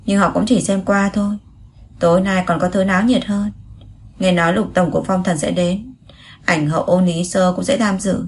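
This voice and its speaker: A woman reading a romance novel aloud as an audiobook narrator, in steady, even storytelling. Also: fairly low pitch, moderate pace, a little hiss or hum.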